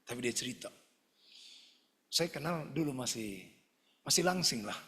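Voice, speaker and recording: A man preaching a sermon as a pastor, lively and joking, often calling out to his listeners and acting out other people in his stories. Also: medium pitch, moderate pace, husky. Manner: mimics other people's voices when retelling stories.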